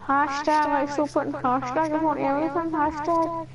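A player with a Scottish accent in casual gaming chat, full of joking, excitable banter. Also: high-pitched, normal speed, crowd noise, rough recording.

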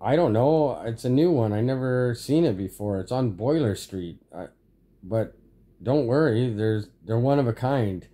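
A man's voice: medium pitch, expressive, a little slow, warm tone, natural voice. A man reading a story aloud, voicing a confused, defensive young woman. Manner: pleading, defensive.

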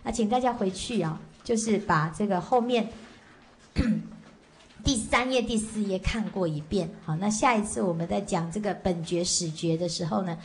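A woman Buddhist teacher giving a dharma lecture to a class, telling stories and tagging her sentences with short fillers. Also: medium pitch. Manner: storytelling with frequent "好" and "哦" tags; slow measured chanting leader at the close.

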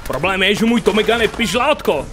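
A man's voice: high-pitched, expressive, fairly bright tone, a little hiss or hum. A man giving casual, joking commentary while playing a video game, chatting to the audience and swearing at enemies. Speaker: gaming youtuber. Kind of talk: casual let's play commentary.

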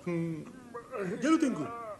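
A man's voice: a little high, sing-song, slow, crowd noise. A man voicing a silly, chatty cartoon sidekick with a babyish way of talking and a Spanish accent from Spain. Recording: cartoon soundtrack played in hall, loud music.

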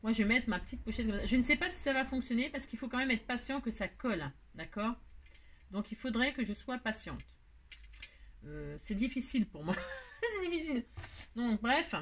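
A woman's voice: fairly high pitch, lively intonation, fairly quick, fairly bright tone, a little hiss or hum. A woman hosting a casual scrapbooking tutorial at home, chatting to viewers in a rambling, self-mocking way as she works. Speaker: craft tutorial host.

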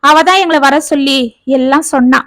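A woman's voice: sits high, a little fast, fairly bright tone, no room sound, studio quality. Woman voicing a grateful mother-in-law. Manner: earnest, thankful.

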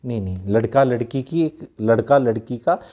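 A man's voice: medium pitch, animated, moderate pace, warm tone, muffled recording. A man from Haryana giving blunt advice to young people, mixing in English phrases and asking rhetorical questions. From Haryana, India. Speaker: youth advice speaker. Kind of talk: casual advice talk.

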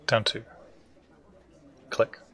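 A man with a rough voice speaking short voice commands to control a game. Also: drawn-out words, noisy background. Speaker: player giving voice commands.

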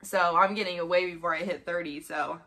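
Bright-voiced young woman chatting casually. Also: on the low side, steady tone, a little fast. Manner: rambling, informal, repeats herself. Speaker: vlogger filming a mukbang. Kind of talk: casual chat to camera. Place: small bedroom, indoors. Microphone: camera a short distance in front of her.

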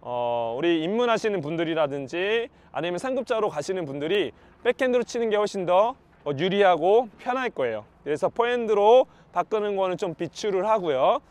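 A badminton coach demonstrates defense against a wall, explaining and counting his strokes out loud as he practices. His high, slightly mellow voice moves briskly with big pitch swings and hardly any pauses.

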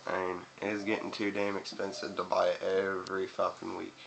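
Low, creaky, and monotone, this young man's voice comes fairly quickly as he rambles and cusses to camera with chewing tobacco in his mouth. He's a video reviewer in a small room by a window. The audio is a noisy, webcam-style room recording.

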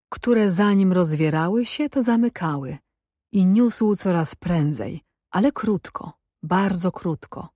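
Slow low-voiced woman narrator. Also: no echo, clean studio sound. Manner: measured, even storytelling. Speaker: audiobook narrator. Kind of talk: scripted narration.

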